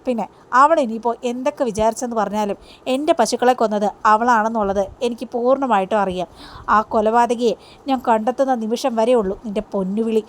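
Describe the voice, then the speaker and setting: A woman's voice: a little high, a little fast, close to an everyday voice. Brief: woman reading a heartbroken older schoolmaster, earnest and firm. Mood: aggrieved. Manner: earnest, aggrieved.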